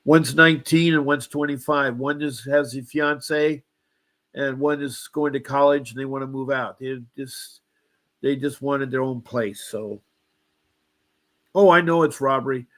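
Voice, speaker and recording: A man's voice: mid-range voice, steady tone, a little slow, a bit bright. A man in his seventies telling a personal story, rambling with restarts and asides and insisting he was wronged. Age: 70s. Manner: aggrieved, insistent about injustice. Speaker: guest.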